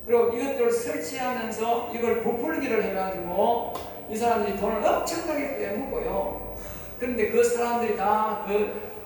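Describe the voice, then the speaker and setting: A man's voice: sits high, darkish tone, slight background noise. A man preaching a sermon as pastor, emphatic, repeating phrases and asking his hearers rhetorical questions. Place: church hall. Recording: echoey hall, voice heard from far off.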